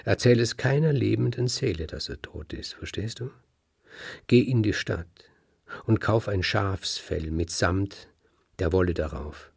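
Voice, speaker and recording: A man doing a talking grandmother sheep in a fairy tale, hushed, slow, gravelly and husky. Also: lowish voice, dry recording, clean studio sound, exaggerated voice. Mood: earnest.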